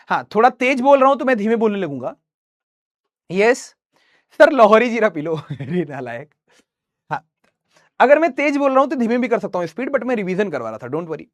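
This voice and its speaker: Young up-math teacher bantering w/ chat, dry close sound. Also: male voice, sits high, no room sound. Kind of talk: live online class with chat.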